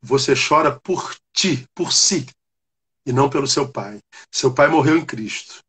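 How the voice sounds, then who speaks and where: A man voicing a gentle old bearded stranger. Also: mid-range voice, a little slow, breathy edge, voice pushed down. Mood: consoling.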